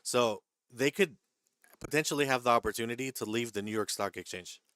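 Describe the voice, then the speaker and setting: A man's voice: medium pitch, fairly quick, a bit bright, no echo. Male livestream host, mid-range voice, dry close mic, hedging conversational explainer. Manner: hedging, repeats himself, checks in with "right?" and "okay?"; reads viewer chat aloud and answers it. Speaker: stock trading livestream host. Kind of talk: live-stream Q&A, explaining market rules.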